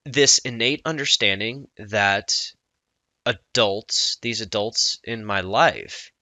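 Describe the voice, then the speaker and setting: A man speaking as a coach in a personal vlog, earnest and reflective, often halting mid-thought. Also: lowish voice, sharp tone, no room sound.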